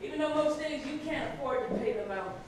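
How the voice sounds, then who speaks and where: A Canadian-accented woman performs spoken word poetry at a slam, her high, animated voice moving briskly in a rhythmic, emphatic delivery that surges in intensity. She is indoors at an art gallery before a seated audience, with background noise. A far camera at the back of the room picks her up, so the gallery sounds echoey and distant.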